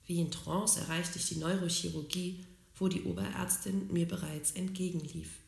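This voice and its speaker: Woman telling her story, gravelly and low. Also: normal speed. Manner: calm, reflective, earnest. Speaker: speaker telling her own life story. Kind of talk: personal storytelling. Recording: roomy, echoey recording.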